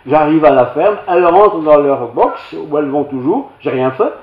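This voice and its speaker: The speaker is an older man with a Belgian French accent, a pastor recalling a self-mocking, homely episode from childhood in a storytelling sermon held in a church hall. He sounds animated, with a voice on the high side and a moderate pace; the church recording is roomy and slightly dull.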